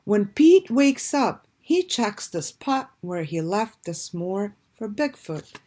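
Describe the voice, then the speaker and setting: Like a teacher with a group of young listeners, a woman of medium pitch reads a children's storybook aloud in a deliberate, expressive way.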